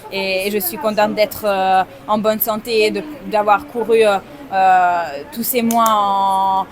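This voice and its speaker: A woman's voice: mid-range voice, level tone, a little slow. A woman in her twenties, an athlete and native Italian speaker with a slight Italian accent, talking in a hesitant way and searching for her words after a race. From Italy. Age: 20s. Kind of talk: post-race interview. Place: outdoors at a stadium. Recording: crowd noise behind.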